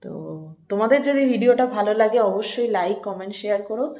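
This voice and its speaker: A woman from Kolkata chatting on a phone as she shows around a mostly empty flat, her voice carrying a strong hall-like echo. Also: mid-range voice, quick pace. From Kolkata, India. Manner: chatty, walking and showing rooms. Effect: strong hall-like echo of a bare room. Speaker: vlogger. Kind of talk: casual travel vlog, giving a room tour. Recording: long echo in a bare room.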